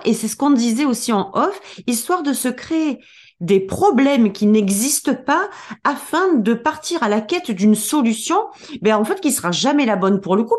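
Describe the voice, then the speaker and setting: A woman's voice: on the high side, a little mellow. Reflective woman podcast co-host. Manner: reflective, searches for words, builds long motivational points. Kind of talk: casual motivational podcast chat.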